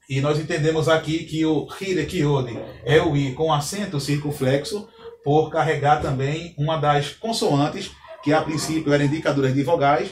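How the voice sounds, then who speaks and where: At a classroom whiteboard, a man with a fairly high voice teaches Hebrew, explaining patiently and often checking in with "tá ok, pessoal?" The echoey room, distant mic, and faint ambience leave slight background noise.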